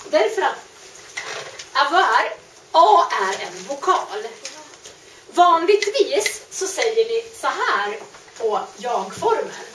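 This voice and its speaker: Lively high-voiced woman teaching French. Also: a little hiss or hum. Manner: explains patiently and repeats French words slowly. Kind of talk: grammar lesson. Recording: echoey room, mic at a distance.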